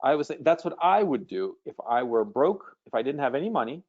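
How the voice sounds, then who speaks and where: A man's voice: mid-range voice, very animated, brisk, darkish tone, muffled recording. A man hosting a live webinar Q&A as a coach, talking bluntly and casually and swearing freely.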